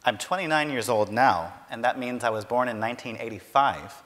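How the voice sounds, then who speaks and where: A man interpreting a talk consecutively, in steady and careful formal phrasing. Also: mid-range voice, a little fast, a little hiss or hum. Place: large university lecture hall. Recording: long hall reverb.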